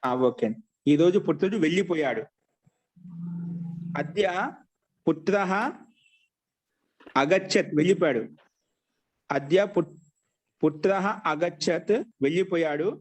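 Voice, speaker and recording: A man teaching Sanskrit grammar in an online class, repeating each phrase slowly so students can write it down. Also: on the high side, breathy edge.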